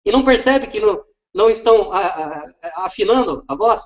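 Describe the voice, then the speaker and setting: High-voiced man explaining patiently. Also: expressive, a little fast. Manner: explains step by step, often adds "não é?" tag questions. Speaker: literacy educator. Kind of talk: didactic explanation in conversation. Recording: dull lo-fi recording.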